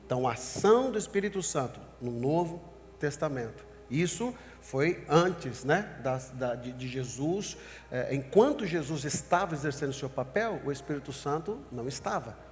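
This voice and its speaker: A man's voice: on the high side, expressive, moderate pace. A man preaching as a pastor, emphatic and warning, speaking directly to his congregation, heard with a long echo and faint music. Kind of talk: sermon.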